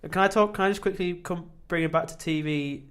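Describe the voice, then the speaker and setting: A male podcast co-host with a slightly high voice, chatting casually. He rambles and laughs at himself, trips over his own words, and now and then breaks into excited outbursts. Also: fairly quick, clear, resonant tone. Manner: rambling, self-deprecating, animated bursts. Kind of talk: casual chat.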